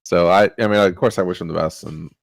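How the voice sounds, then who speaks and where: A deep, gravelly male voice recorded close and dry. He chats casually through a board game, explaining rules at length with plenty of ums and restarts. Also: fairly even intonation, quick pace, no echo. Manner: rambling, filler-heavy, explanatory.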